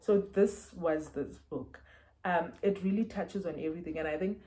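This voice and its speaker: Low, mellow South African woman. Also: normal speed, poor audio. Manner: earnest, explanatory, gives examples. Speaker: parent reviewing books. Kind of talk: casual book review to camera. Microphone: wireless earbuds.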